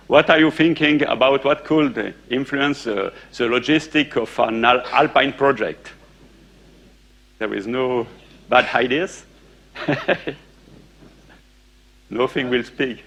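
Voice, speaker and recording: At a conference, a man who natively speaks French presents in English, hesitating, restarting his sentences again and again, and using many "uh"s and "eh"s; now and then he asks the room a question. Pitch is medium, tone slightly bright.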